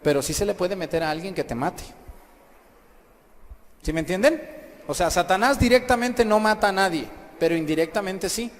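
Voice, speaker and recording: A man's voice: high voice, normal speed, pauses often. A man, a priest giving an emphatic sermon and questioning the congregation. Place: church. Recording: echoey hall, faint background ambience.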